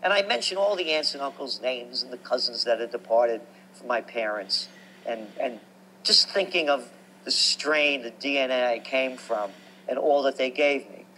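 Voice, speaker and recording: A man's voice: mid-range voice, moderate pace, a little hiss or hum, rough recording. New man in his sixties reminiscing. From New York. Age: 60s. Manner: animated, reminiscing, emphatic. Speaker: guest. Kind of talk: conversational storytelling.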